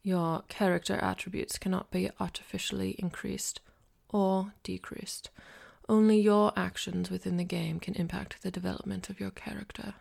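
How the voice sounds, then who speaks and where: A woman reading an audiobook, voicing a formal male talking cat who guides a game, in a soft, half-whispered voice. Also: medium pitch, flat delivery, moderate pace, gravelly. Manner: precise, formal and quietly dry.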